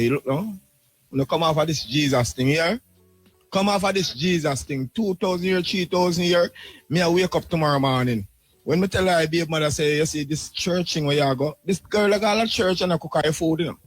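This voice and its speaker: A man's voice: a little high, no echo. A middle-aged or older Jamaican man testifying in Rastafarian speech, with devotional greetings and repeated tags.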